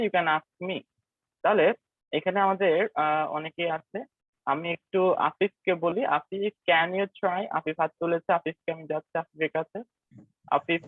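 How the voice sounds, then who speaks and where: Teacher, male, higher-pitched; leads a live online class, repeats words slowly for learners; phone-like, dry sound. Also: no echo. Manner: drills words slowly and repeatedly, mixing English phrases in. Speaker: English pronunciation teacher. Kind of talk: live online pronunciation lesson. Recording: tinny, dry online call audio.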